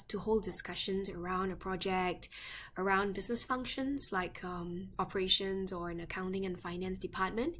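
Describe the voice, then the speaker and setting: Woman, software tutorial presenter, recovering voice slightly off, explanatory, mid pitch. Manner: explanatory, uses "right?" and "um" often. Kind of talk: screen-share software tutorial.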